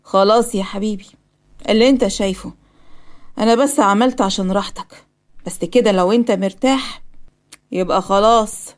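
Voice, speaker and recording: A woman with an Egyptian accent voicing a stern, domineering middle-aged mother in a cartoon story, sharp and demanding. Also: mid-range voice, brisk, pauses often, lightly acted. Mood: yielding.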